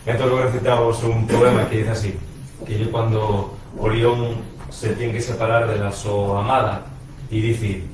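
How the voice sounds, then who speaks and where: A man's voice: fairly low pitch, moderate pace, a little hiss or hum. A man, chatting casually and then reading poems at a bookshop recital. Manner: relaxed, chatty, hesitant between poems. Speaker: poet reading his work. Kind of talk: casual intro and poetry reading. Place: bookshop event room. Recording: echoey room, distant mic.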